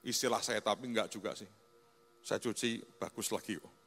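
A man with a Javanese-tinged Indonesian accent, preaching a sermon as a pastor and telling stories with lively, acted-out voices. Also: lowish voice, moderate pace. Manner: animated storyteller, acts out quoted voices. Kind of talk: sermon storytelling. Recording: long reverb in a large hall with faint music.

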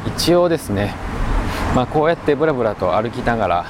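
A man talking quietly and reflectively in a casual solo podcast, keeping his voice down as he strolls outdoors. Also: big pitch swings, brisk. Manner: hushed, keeping voice low in quiet public surroundings. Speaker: amateur podcast host. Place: outdoors, walking through a park-like area. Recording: noisy outdoor recording with ambient hum.

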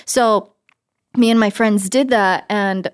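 A woman's voice: mid-range voice, fairly even intonation, slow pace, clean tone. A young woman from America in a casual interview, chatting with lots of fillers and frequent laughter. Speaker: guest. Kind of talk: casual conversation.

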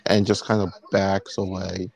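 Low-voiced man narrating a role-play. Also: flat delivery, a little slow, creaky, a little mellow. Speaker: game master.

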